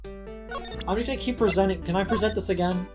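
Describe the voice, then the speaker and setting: A woman's voice: mid-range voice, fairly quick, over music. A woman in a casual video game playthrough, chatting and reading aloud from the game.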